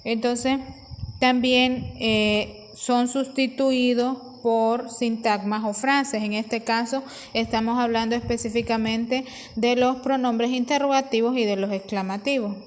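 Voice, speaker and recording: A woman's voice: on the high side, fairly even intonation, a little slow. Woman teacher explaining a grammar lesson. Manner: patient, repeats and restarts while reading from the textbook.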